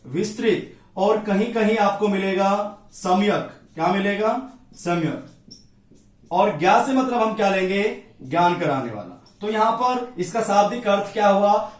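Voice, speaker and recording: A male Hindi grammar teacher giving an exam-prep lecture at a board, drilling each point by asking a question and answering it himself. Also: high voice. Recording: echoey room, voice from a distance.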